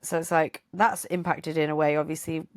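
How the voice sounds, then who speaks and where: A woman's voice: low-pitched, flat delivery, moderate pace, no room sound. A woman co-hosting a podcast in casual chat, hesitant with many restarts. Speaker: podcast co-host.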